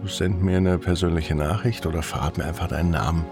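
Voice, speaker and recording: A man narrating a guided sleep meditation as host, in a soothing, hushed manner with long pauses. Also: low voice, fairly even intonation, music in the background.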